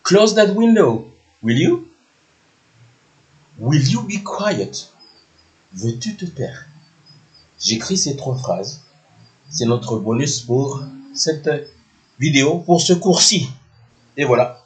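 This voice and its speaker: A man's voice: medium pitch, expressive, takes it slowly, long pauses. A man teaching a lesson, patiently repeating words and often checking with "ok?". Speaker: English teacher. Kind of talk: slow classroom-style lesson in French. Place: room with a whiteboard. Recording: echoey room.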